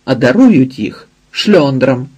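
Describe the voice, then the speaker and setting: Man voicing a defiant young woman, fiery, commanding, raised pitch, husky voice, audiobook figure. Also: lively intonation, takes it slowly, dark tone. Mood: indignant.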